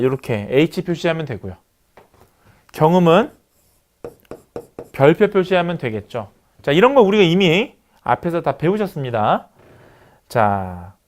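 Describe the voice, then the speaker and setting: A middle-aged male lecturer explaining step by step while writing on screen, with many filler words. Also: a little high. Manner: writes on screen while talking. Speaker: university lecturer. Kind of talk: recorded online lecture.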